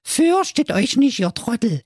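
A man voicing a cheeky, clueless little boy with a very high, squeaky, brash voice in a comic fairy tale. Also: very animated, measured pace, darkish tone, no room sound, clean studio sound, exaggerated voice. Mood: cocky. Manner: brash, silly, insulting.

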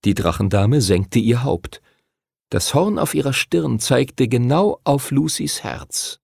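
A man reading a children's fantasy novel aloud as an expressive audiobook narrator. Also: mid-range voice, slow, creaky, breathy edge, no room sound. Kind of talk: scripted narration.

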